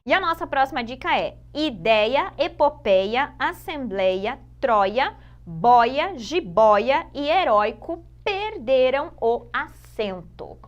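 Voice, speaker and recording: A Brazilian woman teaching a Portuguese grammar lesson for exam prep, explaining patiently, repeating key points and drawing out example words slowly. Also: sits high, big pitch swings, lo-fi sound. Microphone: phone.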